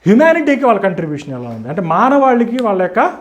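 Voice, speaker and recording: A man's voice: sits high, huge pitch swings, racing. A man teaching a group, constantly quizzing his listeners with rhetorical questions. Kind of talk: interactive teaching talk.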